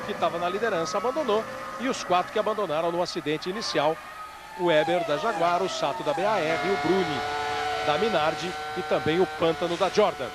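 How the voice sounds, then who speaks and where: A Brazilian man delivers live motor racing commentary in a high-pitched voice. He is an emphatic play-by-play motorsport commentator who hammers key phrases by repeating them. Clear car and track noise runs behind him. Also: brisk. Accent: Brazilian Portuguese. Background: race cars and outdoor ambience.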